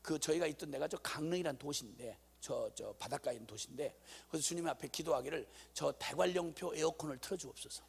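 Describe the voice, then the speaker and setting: A middle-aged man, a missionary preacher, telling a testimony in a sermon with lively, animated storytelling. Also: on the high side, fast, vocal fry, hardly any pauses, breathy edge. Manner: animated storytelling, acting out voices, rising to shouts.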